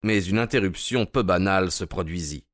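A man giving scripted narration in a measured storytelling manner. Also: low-pitched, no room sound, studio quality.

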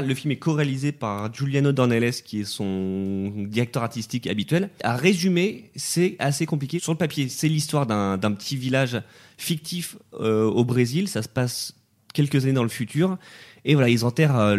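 A man's voice: medium pitch, normal speed, darkish tone. A man chatting casually as a film critic on a festival podcast, talking at length and thinking aloud with frequent restarts. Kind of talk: casual review chat.

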